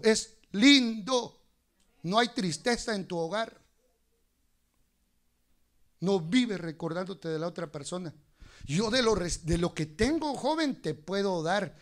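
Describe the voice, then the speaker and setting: A man preaching a sermon in church, animated, moving between soft asides and loud exclamations, sometimes speaking fast. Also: high voice. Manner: talks fast at times.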